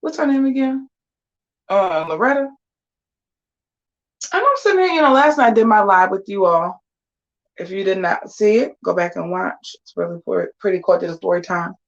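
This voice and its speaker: A vlogger in her forties chats casually with her viewers while getting ready, sassy and sprinkling in slangy asides. Her voice is medium-pitched, and the audio has its high frequencies cut off.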